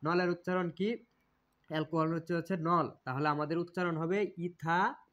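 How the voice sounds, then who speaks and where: A man's voice: a little high, steady tone, a little fast, a bit bright. Man teaching chemistry, asking himself questions. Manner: repetitive, asks and answers own questions. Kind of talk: classroom lecture. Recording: dull lo-fi recording.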